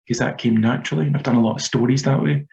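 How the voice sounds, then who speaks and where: A man's voice: medium pitch, steady tone, very fast, creaky, darkish tone. A Scottish man in his thirties, an author talking through his writing in a hesitant, rambling way with many fillers. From Scotland. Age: 30s. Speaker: author being interviewed. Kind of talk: casual interview chat. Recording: dull lo-fi audio.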